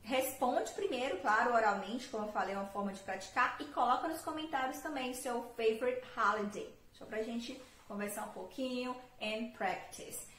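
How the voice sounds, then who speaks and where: Brazilian woman teacher, high-ish voice, slow drilling delivery, echoey room. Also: a bit bright. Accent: Brazilian Portuguese. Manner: slow, patient drilling, repeating words for practice. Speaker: English teacher. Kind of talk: online language lesson.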